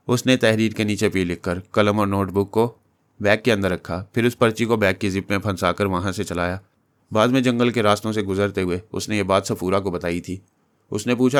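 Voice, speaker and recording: A man narrating an Urdu novel aloud in a deep, steady storytelling voice. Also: a little fast, clean tone. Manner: deep, steady storytelling voice reading all parts.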